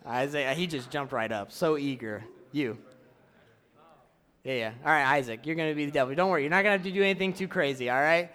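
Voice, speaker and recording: A young man preaching casually to a church audience, drawing out key phrases slowly and running a live object lesson. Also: on the high side, a bit bright. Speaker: youth pastor.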